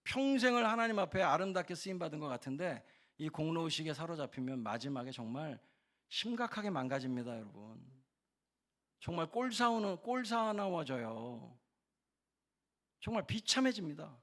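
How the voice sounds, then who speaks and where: Emphatic high-voiced male pastor. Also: sing-song, moderate pace, a bit bright. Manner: emphatic, addresses congregation directly. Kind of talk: sermon. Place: church, Wednesday prayer service.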